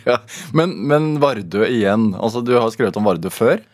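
A man's voice: mid-range voice, lively intonation. A man interviewing a guest with conversational, probing questions.

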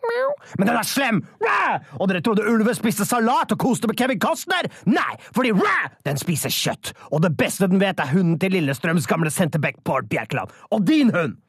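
A man playing a bumbling rural party leader who performs a melodramatic radio play full of roars and sound effects, with a husky voice. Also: high-pitched, very animated, no echo, clean studio sound, full character voice. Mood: frantic dramatic. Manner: wildly melodramatic, roaring animal noises and sound effects. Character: bumbling rural male politician, overzealous anti-wolf crusader. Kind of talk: comedy sketch, mock radio play.

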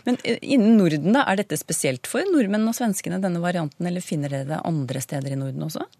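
Low-voiced woman interviewer with brisk questions. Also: a little mellow, no echo. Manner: brisk, guiding questions and summaries. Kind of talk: radio interview.

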